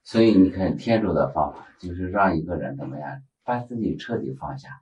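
A man preaching, slowly and emphatically summing up a lesson. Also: sits low, animated, a little mellow, highs cut off. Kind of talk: sermon. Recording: voice heard from a distance.

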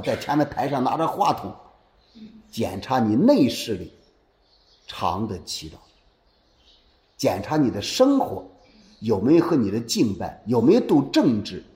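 A man preaches in a church, and his voice rises and falls with plenty of expression as he puts questions to his listeners. The sound rings around an echoey room. He reads scripture aloud and then explains it in a warm sermon cadence. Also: mid-range voice. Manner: lively preaching with rhetorical questions.

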